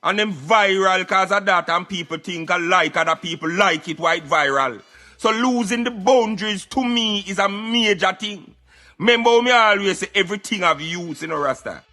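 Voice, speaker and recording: A man takes on the role of a Rasta-style Jamaican radio commentator, delivering satirical social commentary in patois at a moderate pace. His high, bright, forceful voice carries a reasoning mood as he lectures emphatically, repeating words for effect over soft background music.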